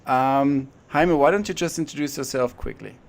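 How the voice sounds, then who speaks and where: Male host, mid pitch, halting questions with fillers. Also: vocal fry. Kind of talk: interview hosting.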